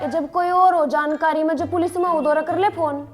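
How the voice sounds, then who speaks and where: A woman playing a chirpy Haryanvi constable with a very high voice, cheeky and quick with a joke. There is faint music underneath. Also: steady tone. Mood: gossiping.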